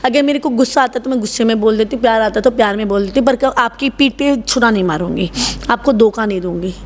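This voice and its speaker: A woman in her thirties with a Haryanvi accent, a salon owner talking in an interview in a blunt, rough-and-tough, emphatic way. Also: on the high side, fast. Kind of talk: casual interview talk.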